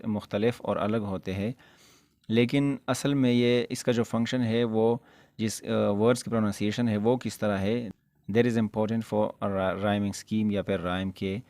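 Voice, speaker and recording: A man's voice: on the low side, a little mellow, no room sound. A man teaching as an English lecturer, explaining step by step, often rephrasing his points and correcting himself mid-word. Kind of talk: explanatory lecture in Urdu-Hindi mixed with English.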